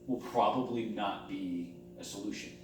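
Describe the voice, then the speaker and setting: Calm male counselor, echoey and distant. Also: fairly low pitch, moderate pace. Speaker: school counselor in a practice role-play. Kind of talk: counseling role-play conversation. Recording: very echoey room, distant mic, faint hum.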